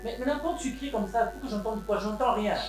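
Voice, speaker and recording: In a Congolese TV series, an actor with a Congolese French accent plays a wealthy family head who looks after his siblings, moving between French and Lingala. His voice sits on the high side, animated and a little fast, with a light acted quality, sounding pleading and worried. The room is roomy, with music playing in the background.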